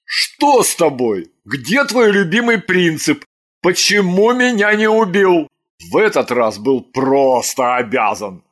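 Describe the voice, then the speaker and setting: A woman voicing a hot-tempered young king in an audiobook, with a loud, blunt way of talking. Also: on the low side, big pitch swings, heavily acted. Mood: surprised. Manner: loud, blunt, quick to anger. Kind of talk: audiobook character voice.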